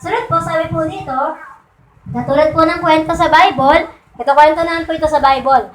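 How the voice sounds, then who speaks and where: Woman preacher, very high voice, casual sermon, rhetorical questions to the audience, roomy echo. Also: steady tone, fairly quick, slight background noise. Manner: conversational, repeats and restarts points. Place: church meeting room. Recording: echoey room.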